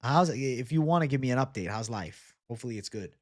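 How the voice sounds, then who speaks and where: Speaking quickly at a medium pitch, an expressive man in his 20s runs a livestream, reading out viewer comments and replying in casual, slang-heavy bro-talk full of swearing. There's no echo, and the studio sound is clean.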